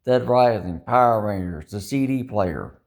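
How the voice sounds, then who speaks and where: A personal vlogger rambles confessionally to the camera in a fairly low, darkish voice with lively intonation and a slightly slow pace. He sounds upset and dejected, venting his self-critical frustration and swearing often.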